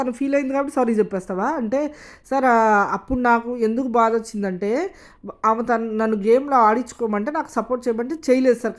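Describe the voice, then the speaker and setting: Brief: female show reviewer, fairly high voice, chatty recap that acts out everyone's lines. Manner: quick retelling, quoting others in turn, frequent "aa" fillers. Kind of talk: casual spoken recap of a reality show.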